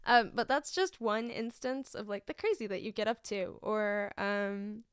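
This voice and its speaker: A woman's voice: mid-range voice, measured pace, smooth, no echo, studio quality. A young woman, a student teacher streaming, telling funny classroom stories in casual chat with lots of fillers and laughter. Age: young adult. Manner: chatty storyteller, laughing often, lots of fillers.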